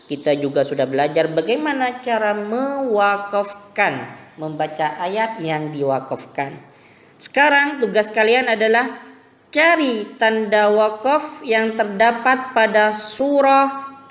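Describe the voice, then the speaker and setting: Guy teaching little kids religion class, real slow and patient, echoey room with long reverb. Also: high voice, a bit bright. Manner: slow, patient explaining to children. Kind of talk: recorded lesson for primary pupils.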